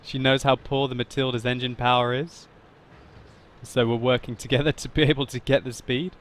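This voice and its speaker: Man doing animated game commentary. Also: mid-range voice, normal speed. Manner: animated, laughs often, spikes loud when excited. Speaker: gameplay commentator. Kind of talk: video game commentary voice-over.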